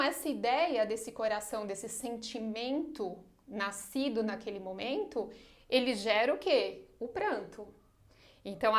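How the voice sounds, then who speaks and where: Brazilian woman teaching, higher voice. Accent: Brazilian Portuguese. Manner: explanatory, checks in often with "tá?" and "né?"; counts syllables aloud slowly. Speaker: Portuguese language teacher. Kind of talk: online literature lesson.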